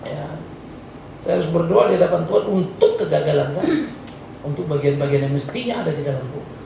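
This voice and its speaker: A male pastor preaching a sermon, with animated, jokey, slangy storytelling in a church hall. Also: fairly high pitch, fairly quick, vocal fry, a little hiss or hum. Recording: echoey church hall from far off.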